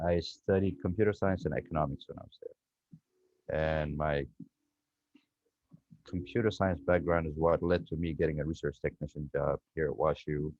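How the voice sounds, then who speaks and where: An Ethiopian guest researcher with a deep bass voice and darkish tone reflects on his story over a video call, rambling with frequent "you know" and restarts. The video call mic gives a dull, dry, lo-fi sound with no room sound.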